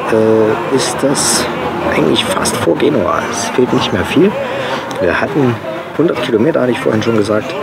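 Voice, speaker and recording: A man in his thirties chatting casually in a travel vlog, relaxed and full of fillers, recorded outdoors. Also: lowish voice. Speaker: travel vlogger. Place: outdoors by a pickup truck at evening.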